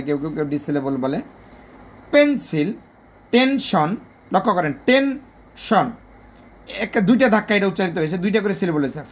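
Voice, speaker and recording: An English teacher with a Bangladeshi Bengali accent delivers a spoken video lesson in a mid-range voice. Patient by nature, the teacher repeats points and draws example words out slowly, one syllable at a time.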